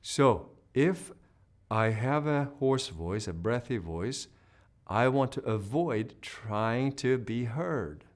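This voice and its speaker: A singing teacher with a mid-range voice leads an online lesson, speaking slowly and expressively. He explains patiently, checks in with "right?", and demonstrates hoarse and humming sounds mid-explanation in this instructional video.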